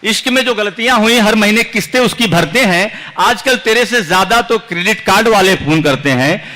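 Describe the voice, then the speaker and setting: The reciter, a man from India, has a high, bright, forceful voice with lively intonation at normal speed. At a large outdoor poetry gathering he delivers his own humorous and serious poems, declaiming and repeating lines for effect.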